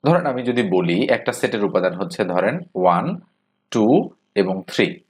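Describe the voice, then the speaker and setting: A man with a Bangladeshi Bengali accent teaching an exam-prep math lesson, explaining step by step, asking rhetorical questions and filling pauses with "ah". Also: fairly low pitch, sing-song.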